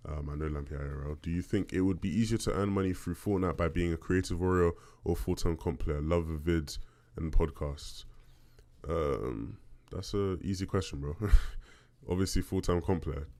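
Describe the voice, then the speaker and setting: Casting: male podcast host, deep low bass, casual solo question-and-answer delivery, conversational. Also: moderate pace, a little mellow. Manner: conversational, checks in with "right?".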